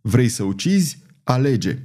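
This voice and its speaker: A scheming old queen mother, bitter and grave, speaking in a slow, measured way, as a man puts her on for an audiobook. The tone is mellow and dark, and her pitch sits a little higher than the reader's own. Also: big pitch swings. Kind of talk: audiobook reading.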